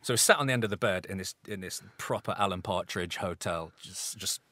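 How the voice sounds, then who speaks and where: A man's voice: low-pitched, brisk, sharp tone, no echo, studio quality. A man, a former footballer, chatting as a guest and telling rambling stories with plenty of hesitations. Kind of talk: casual chat.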